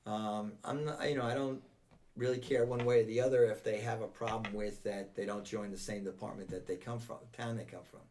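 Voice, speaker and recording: Recorded from a distance with a little hiss or hum, this older American-accented man speaks a little fast in a fairly low, slightly mellow voice with fairly even intonation. As an interview guest and longtime volunteer firefighter, he chats casually about the past, frequently restating and reshaping what he says.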